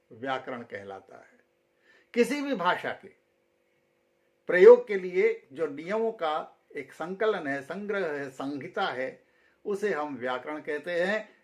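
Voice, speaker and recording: A man teaching a grammar tutorial in a slow, measured way, each phrase rising and then sinking at its end. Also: a little high. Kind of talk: tutorial lecture.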